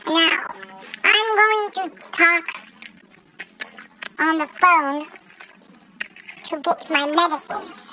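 A man voicing a small, bossy male pancake creature in a high chipmunk voice for a comedy skit, with a shrill, nagging way of talking. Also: extremely slow, long pauses, bright, forceful tone, slight background noise, heavily acted, low-quality recording. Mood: grudgingly sorry.

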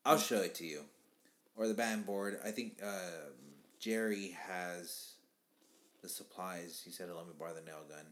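Low, bright-toned young man chatting. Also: moderate pace. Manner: laid-back, hesitant, many fillers. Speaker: husband in a couple's vlog. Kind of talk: casual chat.

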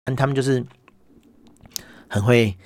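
A man's voice: mid-range voice, steady tone, measured pace, a little mellow, no echo, studio quality. A man with a Taiwanese Mandarin accent chatting casually as a podcast host, telling stories in a wry, exasperated way and tagging his sentences with "hor". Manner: chatty, peppers speech with "hor" tags. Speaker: podcast host, business owner. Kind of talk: casual monologue.

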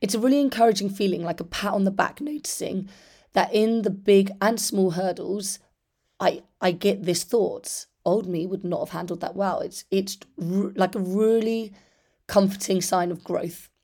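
A British woman in her thirties with a hoarse, rusty voice, chatting candidly and casually as a solo podcast host. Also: medium pitch, unhurried, dark tone. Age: 30s. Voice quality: hoarse, rusty, partly lost voice. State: hoarse after losing voice.

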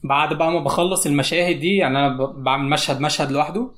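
Fast-talking Egyptian man in natural unscripted talk. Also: on the high side, fairly bright tone. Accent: Egyptian Arabic. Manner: explains step by step in detail. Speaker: interview guest, YouTube animator.

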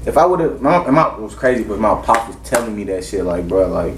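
A man's voice: mid-range voice, expressive, fast. A man in his twenties chatting casually on a podcast in loose, slangy frat-bro talk with swearing. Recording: roomy, off-mic, background noise.

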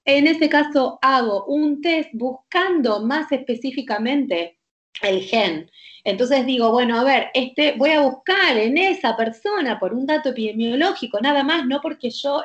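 A woman doctor with a Rioplatense Spanish accent, appearing as a guest, gives a long, heated conversational explanation, insistent and emphatic, often checking that the listener follows. Her voice sits high, with lively intonation at normal speed, and the audio is lo-fi and dull.

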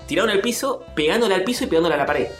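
A man's voice: high voice, animated, racing, reverberant, faint music behind. A man with a Rioplatense Spanish accent, co-hosting a casual podcast and telling an anecdote with acted-out quotes. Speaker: podcast co-host. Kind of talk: casual storytelling chat.

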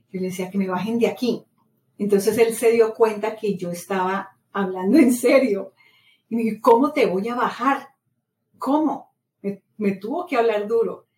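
A middle-aged woman from Latin America talks in a casual, lively monologue and repeats words as she tells a story. Her voice has a middle pitch and sounds a little distant from the microphone. It echoes in a roomy space over a faint hiss of ambient noise. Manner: animated storytelling, many repetitions. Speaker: podcast host. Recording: roomy echo, mic set far off, faint ambient noise.

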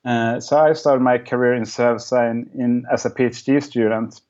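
A man's voice: mid-range voice, steady tone, moderate pace, a little mellow, dull audio. A man giving casual, reflective, plain-spoken interview answers as a podcast guest. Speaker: podcast guest, design director.

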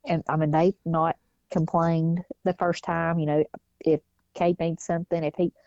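A woman talks through a personal story in an easy interview, slipping into the voices of people she quotes. Her voice sits low and mellow. The recording is dull and lo-fi, with a dry, close sound. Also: little pitch movement, normal speed, no echo. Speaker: guest, mother. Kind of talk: casual interview talk.

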